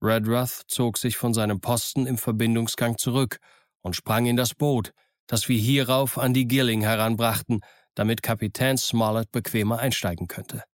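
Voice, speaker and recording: A man narrating an adventure audiobook in a steady, measured reading. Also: mid-range voice, no echo, studio quality. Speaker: audiobook reader. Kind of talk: scripted narration.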